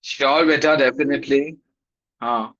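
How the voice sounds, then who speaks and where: A man's voice: medium pitch, steady tone, normal speed, a bit bright. A man with an Indian accent teaching a live online class, greeting schoolchildren by name in an upbeat, encouraging, casual way. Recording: dull, lo-fi online class audio.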